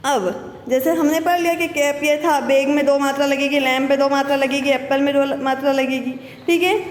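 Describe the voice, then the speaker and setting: A woman's voice: sits high, a little hiss or hum. A young woman, a school teacher giving a patient lesson to small children, asking questions and answering them herself. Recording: echoey room with reverb.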